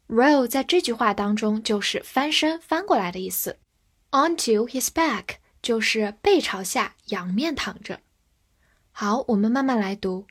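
Slow-paced woman teaching English words. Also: fairly high pitch. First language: Mandarin. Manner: spells words letter by letter and reads example sentences slowly. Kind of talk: Mandarin-language vocabulary lesson.

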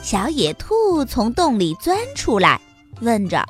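Female storyteller for children, slow and lilting, breathy voice. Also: fairly high pitch, wildly swooping pitch, faint music behind. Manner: gentle, sing-song storybook telling.

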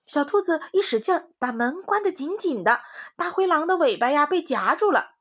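A woman in her thirties telling a children's bedtime story in a gentle, expressive, singsong way. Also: sits high, moderate pace.

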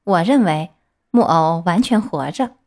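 A woman's voice: fairly low pitch, expressive, measured pace, darkish tone. A woman voicing a formal, contrary owl doctor in a storybook. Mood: pompous. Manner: formal, pompous.

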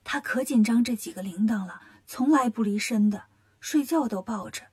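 A woman voicing a tearful, anxious captive queen in a children's storybook tale, soft and pleading. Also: fairly high pitch, moderate pace, slightly rough. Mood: confiding.

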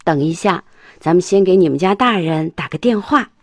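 A woman's voice: on the low side, expressive, normal speed, dry recording, studio quality. A woman voicing a kindly bus driver in a children's storybook reading, friendly and reassuring.

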